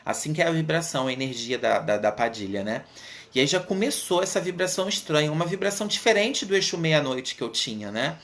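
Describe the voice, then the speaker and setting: A man's voice: a little high, animated, a bit bright. A man in his thirties with a Brazilian Portuguese accent, an Umbanda medium earnestly telling his own story on a livestream. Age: 30s. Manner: earnest, unhurried, frequent tag questions.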